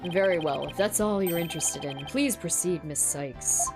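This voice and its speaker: Pompous male law professor for a game , voiced by a woman: formal, long-winded, on the low side, over clear background music. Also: normal speed. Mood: stiff, formal. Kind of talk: video game read-aloud role-play.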